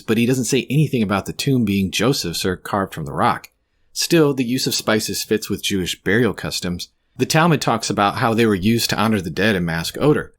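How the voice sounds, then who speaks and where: A man's voice: on the low side, breathy edge. A man delivering scripted, conversational video commentary as a host, with wry, sarcastic asides.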